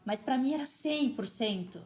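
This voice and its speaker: Woman, podcast guest; fairly high voice, reflective storyteller, echoey room. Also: lively intonation, moderate pace, darkish tone, a little hiss or hum. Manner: reflective, storytelling with quoted self-talk. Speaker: podcast guest, karate teacher. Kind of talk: casual interview conversation. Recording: roomy echo.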